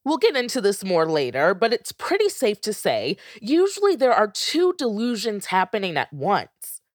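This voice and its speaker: A woman hosts a podcast in scripted narration, her pitch swinging widely as she tells the story. She has a mid-range voice. Faint music sits under her words. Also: huge pitch swings, moderate pace, no room sound, studio quality. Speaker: podcast host.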